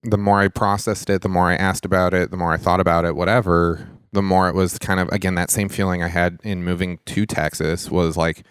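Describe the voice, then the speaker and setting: A man's voice: low voice, flat delivery, fairly quick, hardly any pauses, smooth, no echo, studio quality. A man earnestly telling a personal faith story in a casual podcast chat, often checking in with "right?". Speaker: mentor and lighting designer.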